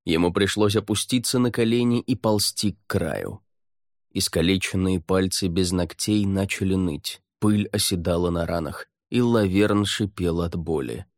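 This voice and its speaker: A man reading fantasy narration in a steady, measured way, close to the mic. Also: low voice, no echo. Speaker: audiobook narrator. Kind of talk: scripted narration.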